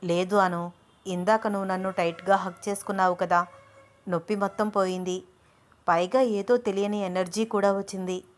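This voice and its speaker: A woman's voice: medium pitch, steady tone, normal speed, natural voice. A woman voicing an earnest young man, a tutor in love, in a read-aloud audio story, pleading and insistent. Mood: tender.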